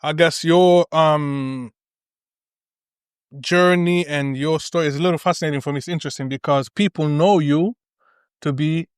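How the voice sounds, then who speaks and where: A man's voice: on the high side, fairly even intonation, moderate pace, long pauses, clean tone, no echo, clean studio sound. A man hosting a roundtable discussion, talking emphatically and checking in with "right?" and "okay?". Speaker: podcast host.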